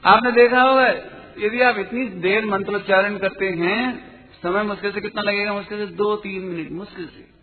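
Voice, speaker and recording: A man teaching as a Jain teacher in a spiritual lecture, explaining quickly and earnestly and correcting pronunciation. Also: high-pitched, steady tone. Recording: tinny phone-like sound in a reverberant hall.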